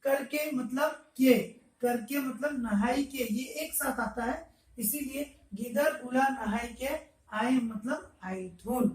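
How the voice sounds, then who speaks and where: A man teaching an online language lesson, repeating each example phrase slowly to show the pronunciation. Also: very high voice. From Jharkhand, India. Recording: echoey room, mic at a distance.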